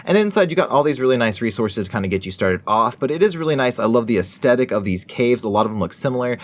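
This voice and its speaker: A man's voice: mid-range voice, expressive, fast. A man hosting a gaming channel, giving a casual, informal top ten countdown style commentary on ranked entries. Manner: informal, folksy phrasing.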